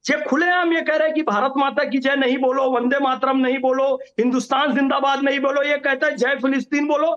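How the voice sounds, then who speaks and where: A man's voice: very high-pitched, steady tone, a little fast, few pauses, a bit bright, muffled recording. A man arguing accusingly and rhetorically as a panelist in a heated TV debate.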